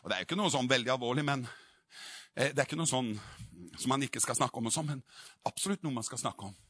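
A man's voice: mid-range voice, fairly bright tone, husky, dry recording. A man preaching a sermon in a fervent, emphatic way.

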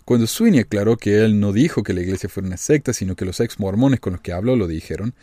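A man's voice: lowish voice, expressive, fast talker, dark tone, dry recording. A man hosting a talk show, giving wry, chatty commentary on the news with frequent rhetorical questions. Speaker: podcast host. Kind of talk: casual commentary.

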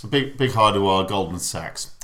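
Australian man, fairly low pitch, informal co-commentator style with blunt, joking sarcasm. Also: lively intonation, normal speed, crowd noise. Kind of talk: casual motor racing banter.

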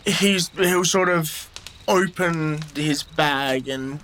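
A man with a slightly high voice playing a tabletop game. He talks hesitantly with many fillers and restarts, and faint noise sits behind him. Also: extremely slow, fairly bright tone. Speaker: player. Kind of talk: tabletop role-play chat.

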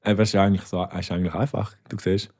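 A man's voice: low-pitched, little pitch movement, rapid-fire, dark tone. A man co-hosting a podcast, teasing and bantering in casual chat. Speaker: podcast co-host.

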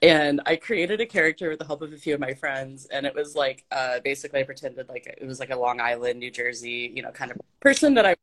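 A woman's voice: rumbling low, quick pace, few pauses, a bit bright. A woman from Arkansas, hosting a podcast in casual chat, self-deprecating and laughing often. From Arkansas, US South.

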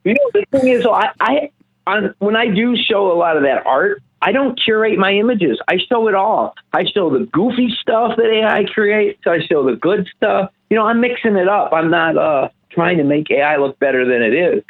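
Gravelly husky man on a tinny line. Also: high-pitched, lively intonation, normal speed. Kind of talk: casual chat.

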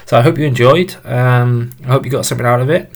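A man with a Welsh accent hosting a casual podcast in a fairly monotone way. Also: medium pitch, quick pace. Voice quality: monotone, creaky. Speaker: podcast host.

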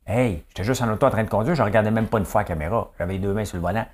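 A man's voice: on the low side, very fast. A middle-aged man with a Québécois accent giving a jokey, rambling opinion monologue that keeps asking "hein?". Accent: Québécois French. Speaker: commentator.

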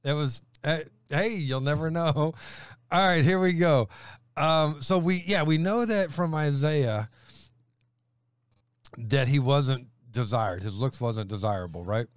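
A man's voice: fairly high pitch, a little slow, smooth, no echo. Man from Honduras, podcast host, casual Bible chat, easy laughter, dry close recording. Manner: laughs easily, reads scripture aloud.

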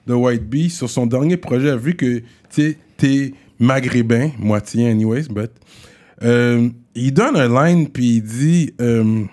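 A man's voice: mid-range voice, takes it slowly, darkish tone. A man from Quebec with a Québécois accent, interviewing in a casual, slightly hesitant way. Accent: Québécois French. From Quebec, Canada. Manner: conversational, hesitant questioning.

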